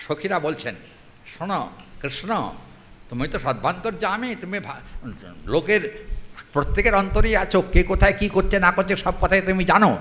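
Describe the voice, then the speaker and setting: A man voicing a sharp-tongued young female companion in a religious story, asking probing, teasing questions. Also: high voice, normal speed, pauses often. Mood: coaxing.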